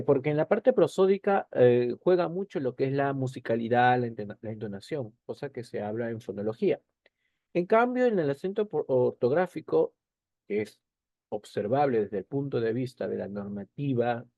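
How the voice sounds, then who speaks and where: A man's voice: medium pitch, warm tone, no room sound, lo-fi sound. A male teacher explaining a lesson over slides, repeating key points and checking in with short tag questions.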